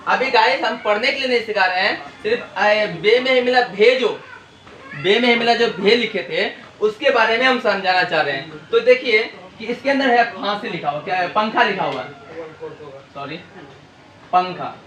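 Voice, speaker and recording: A man's voice: high voice, expressive, moderate pace, a bit bright. A man teaching a language lesson at a board, asking questions and answering them himself in a call-and-response style. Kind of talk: classroom lesson at a whiteboard. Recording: echoey room with faint hiss.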